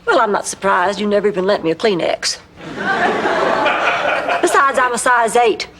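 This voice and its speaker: A woman's voice: medium pitch, lively intonation, normal speed, a bit bright. A woman playing a vain, flirtatious middle-aged sitcom character who talks in a playful, teasing way. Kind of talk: sitcom acting. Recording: noisy track.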